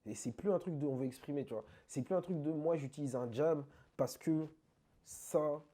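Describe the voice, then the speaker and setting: A man being interviewed about dance, talking in an animated, emphatic, slangy way. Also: on the high side, normal speed. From France. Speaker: interview guest, krump dancer. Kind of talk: casual conversational interview.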